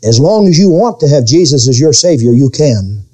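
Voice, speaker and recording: A man's voice: very animated, normal speed, mellow. A middle-aged male pastor preaching a sermon, swinging his voice up and down and drawing out key words. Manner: preaching with sudden pitch swings and quoted voices.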